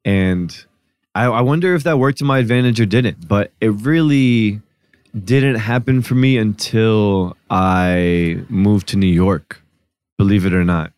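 Low-voiced man telling his story. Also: a little slow, darkish tone, clear, resonant tone, no room sound. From Newark, New Jersey, US. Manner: reflective, storytelling, many "like" fillers. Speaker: podcast guest. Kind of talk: casual conversation.

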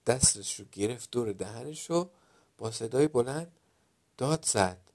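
A man narrating a children's story dramatically, dropping to a hush at some moments and getting loud at others. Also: mid-range voice, animated. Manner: dramatic, loudness swinging from hushed to loud.

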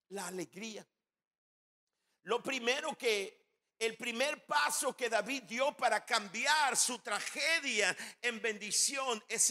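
A man's voice: very high-pitched, pushed and bright, long reverb tail. A man pastor preaching a sermon with emphasis, speaking directly to his congregation in a church.

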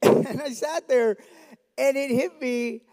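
A man's voice: very high voice, steady tone, slow. Earnest man, echoing church hall. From South Florida. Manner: earnest, warm, with light humor. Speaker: church member giving testimony. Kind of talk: testimony talk in church. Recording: long reverb of a church hall.

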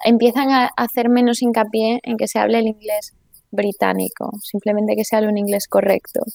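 Woman with a gravelly voice. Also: medium pitch, level tone, a little fast, darkish tone. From Spain. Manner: explains at length with frequent restarts and tag questions. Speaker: interview guest, economist and author. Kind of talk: conversational interview.

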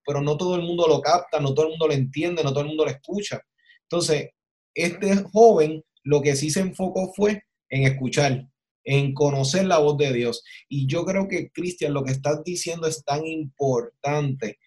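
A man's voice: fairly high pitch, a little mellow. A man hosting a conversation on faith, speaking in an emphatic, preaching way with rhetorical questions and repeated phrases. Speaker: host.

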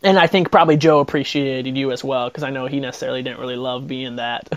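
A man's voice: mid-range voice, steady tone, fast, highs cut off, a loud crowd. A man hosting a casual interview, affirming his guest in loose, friendly phrasing. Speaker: podcast host.

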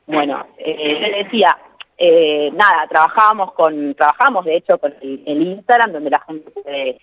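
A woman's voice: low voice, expressive, moderate pace, fairly bright tone, dry recording. A woman with a Rioplatense Spanish accent, a journalist calling in from home over a bad phone connection, chatting with many hesitations and restarts. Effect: bad phone connection that cuts out. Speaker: journalist and tour co-creator, radio guest. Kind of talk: casual interview over the phone. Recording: muffled lo-fi phone line.

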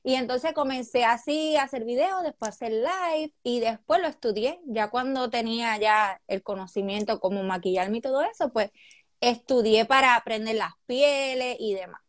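A woman in her thirties speaking Spanish with a Puerto Rican accent. She is a guest on a casual interview show, soft-spoken and hesitant at times, with a fairly high voice. The recording is close and dry. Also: moderate pace, no room sound. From Puerto Rico.

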